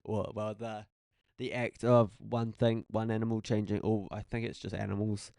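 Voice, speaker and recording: A young man trades dry, teasing banter as a podcast co-host. His voice sits low and has a gravelly fry to it. The sound is close and dry, with no room around it. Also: flat delivery, moderate pace, a little mellow, dry recording. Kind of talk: casual chat.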